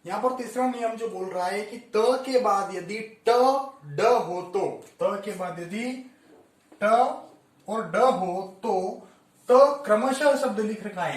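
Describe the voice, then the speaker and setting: A man teaching a Hindi grammar lesson for exam preparation, explaining each rule step by step and repeating it. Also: high-pitched. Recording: echoey room, mic at a distance.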